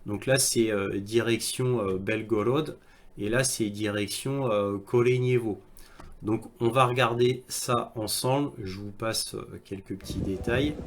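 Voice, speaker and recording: A man commenting on video clips and reading articles aloud, with halting delivery and frequent hesitations. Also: fairly low pitch, steady tone, a little hiss or hum. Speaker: online news commentator.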